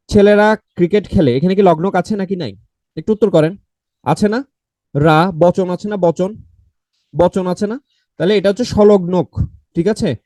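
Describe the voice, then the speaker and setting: Guy teaching grammar, highish soft voice, keeps asking the class stuff, dry sound. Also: no room sound. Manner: repeats points, quizzes the class with questions. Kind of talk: online exam-prep lecture.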